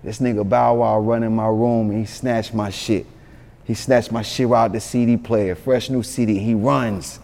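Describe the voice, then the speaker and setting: A man tells stories in a relaxed interview. His voice is mellow and dark, and the hall gives it a long reverb. He talks loosely and excitedly, swears, and keeps adding "you know what I'm saying". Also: fairly low pitch, moderate pace, creaky. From Atlanta, born in Yonkers. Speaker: interview guest, rapper. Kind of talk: casual storytelling interview.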